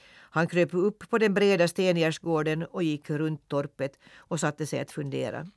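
A man narrating a classic children's story for radio in a lively, expressive reading. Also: a little high, vocal fry, no room sound, clean studio sound.

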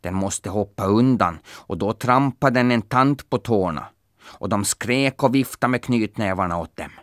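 A man narrating a children's folktale in a gentle, playful storytelling manner. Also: fairly low pitch, dry recording, studio quality.

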